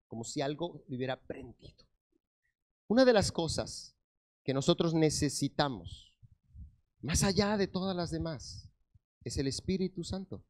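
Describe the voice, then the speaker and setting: High-voiced pastor telling his testimony. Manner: animated storytelling, swings from loud to hushed. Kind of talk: sermon testimony.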